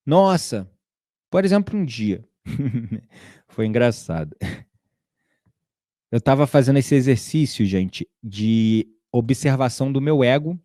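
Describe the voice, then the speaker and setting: A man with a Brazilian Portuguese accent giving a casual teaching talk, animated and acting out his inner dialogues. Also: mid-range voice, no room sound, clean studio sound. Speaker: spiritual teacher.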